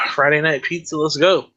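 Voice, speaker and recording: A man's voice: on the high side, sharp tone, lo-fi sound. A man chatting casually on an online call in a slangy, sweary way. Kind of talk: casual chat. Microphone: internet group call.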